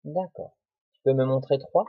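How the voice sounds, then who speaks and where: A man teaching young children a lesson, talking slowly and deliberately and repeating words and syllables. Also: mid-range voice, no echo. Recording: dull lo-fi recording.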